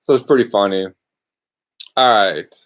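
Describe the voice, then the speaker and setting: Unhurried and laid-back, this luthier podcast host rambles through viewer questions during a live Q&A in his workshop. His pitch is fairly low, yet his tone comes across fairly bright.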